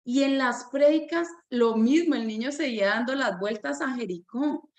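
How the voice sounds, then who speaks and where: Lively woman storyteller, echoey room. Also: sits high, moderate pace. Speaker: Sunday school director. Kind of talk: personal testimony in a church teaching.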